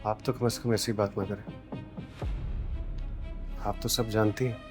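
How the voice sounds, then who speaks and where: Man playing a firm, restrained young man, Pakistani accent, lowish voice. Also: level tone, measured pace, over music, natural voice. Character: humble, responsible young man holding back his anger.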